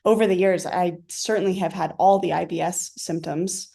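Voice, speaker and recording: A woman's voice: on the low side, steady tone, moderate pace, gravelly, mellow, husky, no room sound, low-quality recording. A woman podcast host speaking openly and chattily over a video call, often tagging her sentences with "right?". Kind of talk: casual conversational interview.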